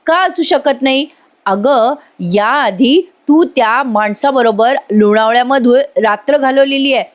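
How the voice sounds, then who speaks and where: A woman's voice: high voice, unhurried. A woman voicing an angry young man who accuses his wife and rejects her claim. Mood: accusing. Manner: harsh, accusing. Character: angry young husband Ashwin, cold and accusing.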